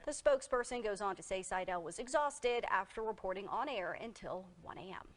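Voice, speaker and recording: A female news presenter delivers a scripted report. Her voice sits at a medium pitch for a woman. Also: expressive, fairly quick.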